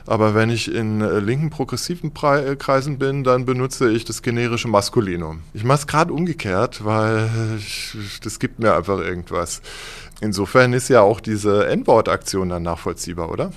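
A man's voice: on the low side, moderate pace. A man interviewing, asking probing and slightly provocative questions.

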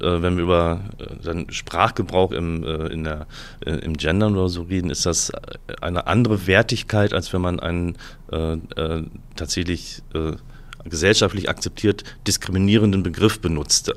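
Museum guy answering questions, really low voice, lots of uh's. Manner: hesitant, many fillers. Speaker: museum director. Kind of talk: interview answers.

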